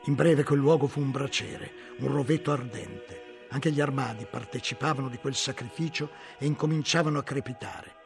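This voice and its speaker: Gravelly man reading a novel aloud. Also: medium pitch, over music. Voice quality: gravelly, husky. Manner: dramatic, measured storytelling. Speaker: narrator.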